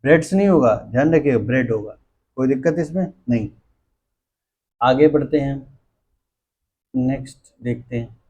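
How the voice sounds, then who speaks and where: A male grammar teacher talks slowly and carefully, spelling words out one letter at a time and repeating each key term. His voice is mellow and a little husky. He keeps checking in with the class as he goes. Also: mid-range voice, highs cut off. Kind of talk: classroom-style exam lesson.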